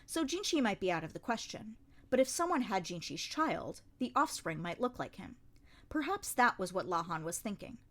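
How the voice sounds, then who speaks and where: Lively woman narrating a storybook. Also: mid-range voice, moderate pace. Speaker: audiobook narrator. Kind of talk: fan audiobook narration.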